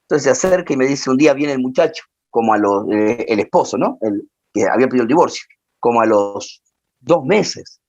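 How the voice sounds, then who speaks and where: Man, pastor, rioplatense accent, animated sermon storytelling, dull lo-fi recording. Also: medium pitch, fairly quick. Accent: Rioplatense Spanish. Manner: animated storyteller, voices the people in his stories. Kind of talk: teaching sermon with anecdotes.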